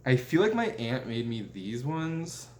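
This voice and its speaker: A man's voice: mid-range voice, very animated, unhurried, darkish tone, a little hiss or hum. A young man in his twenties chatting casually as a vlogger, rambling through stories with lots of "like" fillers and self-corrections while sitting at a table indoors. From United States. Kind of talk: casual rambling show-and-tell. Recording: roomy echo with faint ambience.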